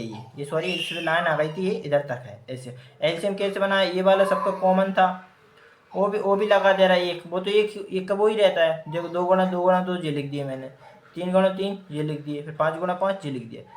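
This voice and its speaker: A man working through math problems step by step in an informal lesson, thinking aloud as he calculates. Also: high-pitched. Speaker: math teacher. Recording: echoey room.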